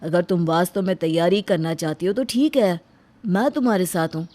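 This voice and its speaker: A woman doing a gentle young husband. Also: fairly low pitch, moderate pace, a little hiss or hum, natural voice. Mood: encouraging. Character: kind devoted young husband, a humble peon. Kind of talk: Hindi storybook voice acting.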